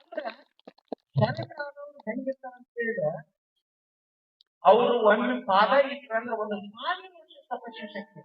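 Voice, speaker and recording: A man tells devotional stories to a seated crowd and drives his points home through repetition. His voice sits very high for a man. It comes from far off the mic through a thin, phone-like sound. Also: animated, normal speed, pauses often. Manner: storytelling, with repeated emphatic phrases. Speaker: religious speaker. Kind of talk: devotional discourse to a seated gathering. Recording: distant, tinny phone-like sound.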